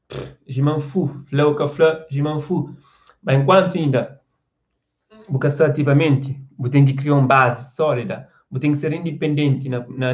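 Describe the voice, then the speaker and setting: A man's voice: medium pitch, lo-fi sound. A man hosting a casual live stream, reading out viewer comments and talking at length, often stopping to ask "você entende?". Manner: rambling, with restarts and frequent "você entende?".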